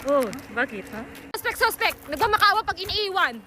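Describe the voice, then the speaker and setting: A woman's voice: very high voice, big pitch swings, brisk, very noisy. A young woman vlogger in casual, playful chat, teasing a friend and laughing often.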